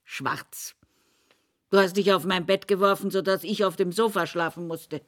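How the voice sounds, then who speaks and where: A woman's voice: lowish voice, fairly even intonation, normal speed, fairly bright tone. An actress playing a blunt, scolding older Sicilian mother in a radio drama. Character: Sicilian mother, older woman, sharp-tongued.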